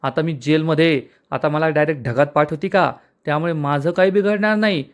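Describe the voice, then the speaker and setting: A man's voice: fairly high pitch, fairly quick, natural voice. A man voicing a boastful, scheming male crook in jail while retelling a TV serial episode, in a taunting, mocking manner.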